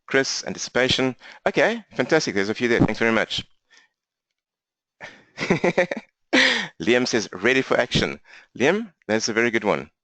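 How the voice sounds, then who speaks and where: A man with a strong South African accent, speaking fast and energetically as he leads a live online training session from his laptop. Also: medium pitch, no echo. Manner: fast-talking, energetic, interactive. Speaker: business coach for accountants. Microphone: laptop mic.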